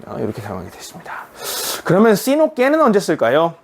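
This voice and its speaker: A Korean man teaching a beginner Spanish lesson, explaining grammar step by step and reading example sentences slowly. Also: high-pitched, huge pitch swings, gravelly, a little hiss or hum. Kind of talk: online language lesson.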